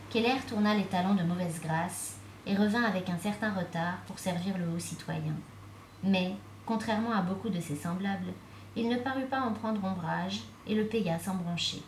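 A woman reading a novel aloud as narrator, with steady, even storytelling. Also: medium pitch, slight background noise. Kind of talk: audiobook reading. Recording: echoey room.

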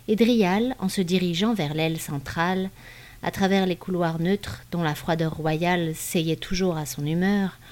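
Woman reading an audiobook, lowish voice. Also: darkish tone. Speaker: narrator. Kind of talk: audiobook narration.

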